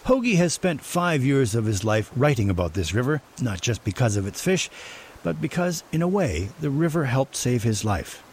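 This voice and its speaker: A male reporter giving a scripted documentary narration in a lively storytelling way. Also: mid-range voice, moderate pace.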